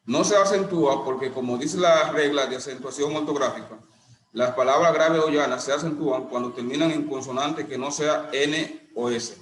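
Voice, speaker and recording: A middle-aged man teaching a lesson, explaining slowly and deliberately with a few restarts. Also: mid-range voice. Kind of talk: classroom lesson. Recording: echoey room with faint ambience.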